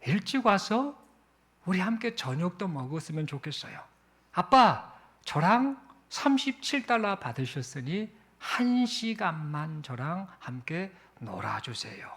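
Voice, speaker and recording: A man voicing an earnest little boy who asks his father for time, in a slow, hushed, pleading way. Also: high-pitched, very animated, heavily acted.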